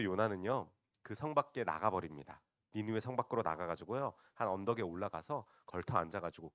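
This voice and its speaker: A man's voice: lowish voice, fairly bright tone, no echo. A man preaching a sermon, retelling a Bible story and often addressing the congregation directly.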